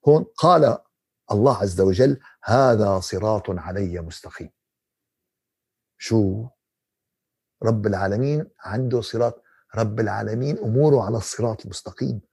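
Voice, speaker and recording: A man with a Levantine Arabic accent, a sheikh giving an animated Quran commentary sermon, who keeps asking his listeners questions and recites verses slowly. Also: fairly low pitch, creaky, husky. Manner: animated, rhetorical questions to the audience.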